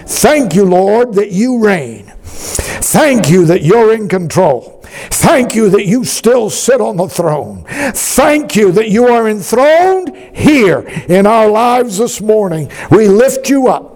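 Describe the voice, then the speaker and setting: A man's voice: high-pitched, big pitch swings, slow pace, darkish tone. A male pastor preaching a sermon in a church, emphatic and drawn out, calling the congregation to repeat after him.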